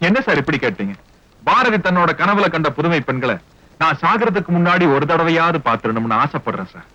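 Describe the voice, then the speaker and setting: An actor playing a smooth-talking, scheming male villain who speaks in a condescending way. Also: fairly high pitch, big pitch swings, brisk, pushed and bright, no room sound. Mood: pompous. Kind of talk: film dialogue. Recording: dull film soundtrack with music.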